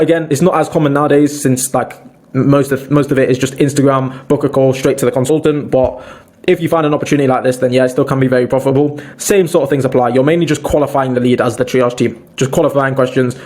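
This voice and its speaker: A man's voice: mid-range voice, darkish tone. Guy doing a laid-back sales training talk, lots of restarts, calls everyone boys. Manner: informal, addresses listeners as "boys", frequent restarts. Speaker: sales coach. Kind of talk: casual online training talk.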